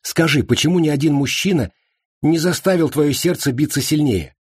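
A man's voice: a little high, normal speed, darkish tone, breathy edge, no echo, studio quality, pitched above the performer's own voice. A man voicing a sulky, pushy young African man who whines and pleads in a raised voice. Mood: pleading.

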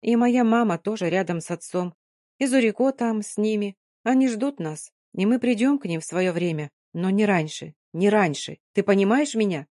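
A woman's voice: medium pitch, measured pace, hardly any pauses, mellow, no room sound, studio quality, lightly acted. A woman reading an audiobook, voicing a fierce, stubborn young woman who scolds sharply and then consoles firmly. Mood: consoling.

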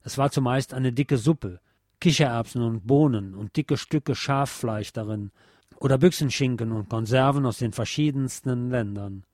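Calm male storyteller, dry sound. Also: mid-range voice, normal speed, no echo. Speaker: narrator. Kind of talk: reading a novel aloud.

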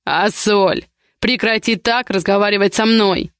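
A woman's voice: medium pitch, fairly even intonation, unhurried, clear, resonant tone, dry recording, studio quality, close to an everyday voice. A woman reading a domineering possessive man. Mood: menacing.

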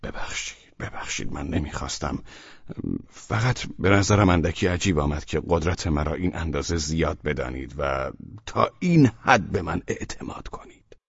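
A man voicing a weary, irritable gentleman who mutters in a low, clipped way. The voice is husky and the sound is dry. The recording is dull and lo-fi. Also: animated, dry recording, heavily acted. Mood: muttering.

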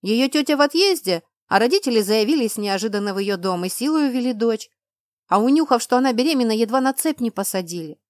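A woman narrating a storybook in the first person, lively, with exasperated quotes of the heroine. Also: on the high side, fast talker, dry recording, clean studio sound. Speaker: audiobook narrator.

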